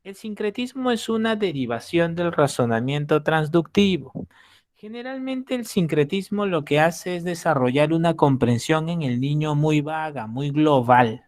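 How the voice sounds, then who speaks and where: A man's voice: on the high side, animated, a little slow, dry recording. A man teaching an exam-prep lesson, explaining with acted examples and checking in often with the class.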